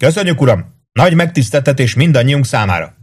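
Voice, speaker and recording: A man's voice: medium pitch, very animated, husky, pitched above the performer's own voice. A man voicing an eager young male soldier who speaks earnestly and respectfully to his officer. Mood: admiring.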